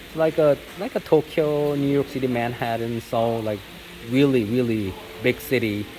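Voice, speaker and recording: A male vlogger from South Korea, a native Korean speaker, speaks at a moderate pace with a mid-range voice. Talking casually to the camera, he rambles with frequent fillers and restarts, and steady rain noise runs in the background.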